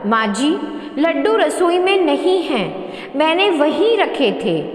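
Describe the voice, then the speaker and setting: Woman doing a meek young daughter-in-law, polite and earnest, high voice, echoey room. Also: very animated, takes it slowly, full character voice. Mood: worried. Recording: roomy echo with long reverb.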